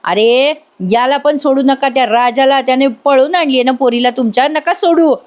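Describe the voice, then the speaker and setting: A woman voicing a scheming middle-aged aunt who yells from a distance, egging the men on to violence. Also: sits high, normal speed, pitched above the performer's own voice, natural voice. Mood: shrill. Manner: shouting, egging others on.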